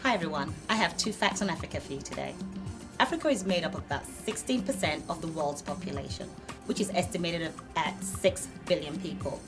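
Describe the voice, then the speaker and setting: A woman's voice: low voice, lively intonation, a little fast, over music. A woman reading prepared facts on a talk show with a careful, read-aloud delivery. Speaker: fact presenter on the show.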